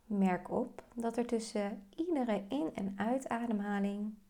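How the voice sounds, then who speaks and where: A woman guiding a meditation, giving slow, calm, soft-spoken instructions. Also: fairly high pitch. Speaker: meditation guide. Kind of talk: guided meditation.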